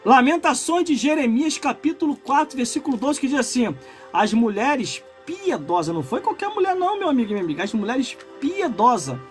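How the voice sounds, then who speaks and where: A fervent Brazilian pastor in his forties, with a Brazilian Portuguese accent and a high voice, delivers a live-streamed sermon. His brisk, very animated preaching swells into shouts, broken by chatty asides to viewers, with faint music behind.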